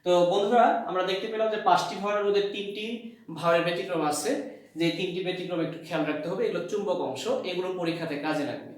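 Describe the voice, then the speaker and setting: A male college English lecturer from Bangladesh teaching a grammar lesson. He asks the class questions, answers them himself, repeats key points and fills pauses with "uh". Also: high voice, fairly even intonation. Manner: hesitant, many "uh" fillers. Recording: very echoey room.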